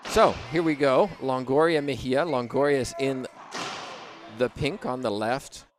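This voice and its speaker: A man hosts a live racquet sport broadcast as commentator. His voice is medium in pitch, and he phrases things deliberately, pausing between points. Faint noise sits behind him.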